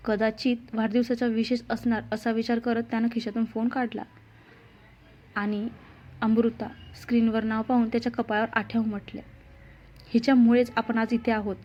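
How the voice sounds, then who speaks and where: A woman's voice: on the high side, warm tone. A woman narrating a family romance story as a storyteller, reading expressively. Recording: dull lo-fi sound.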